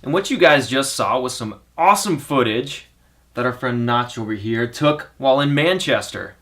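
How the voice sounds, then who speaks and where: Bright-voiced upbeat podcast host, a man. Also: medium pitch, expressive, normal speed. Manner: upbeat, teasing. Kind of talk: casual chat.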